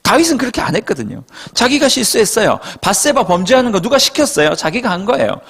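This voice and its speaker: A male pastor preaching a sermon to young adults in a lively storytelling style, speaking to the congregation directly and acting out dialogue. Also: high-pitched, quick pace, gravelly, husky. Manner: addresses listeners directly and conversationally. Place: church worship service.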